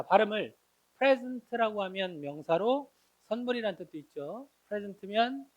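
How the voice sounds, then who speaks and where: A man's voice: high voice, poor audio. A man teaching an English grammar lesson, explaining each example and answering his own questions. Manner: explanatory, asks students questions and answers them himself; reads English example sentences slowly and carefully. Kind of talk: grammar lecture.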